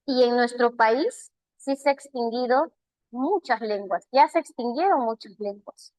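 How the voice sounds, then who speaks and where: A Peruvian language teacher with a Peruvian Spanish accent runs a live online class, answering student chat questions in a high, bright voice at a measured pace. She's warm, keeps asking rhetorical "right?" checks, and praises students by name. The sound is close and dry, with no room echo.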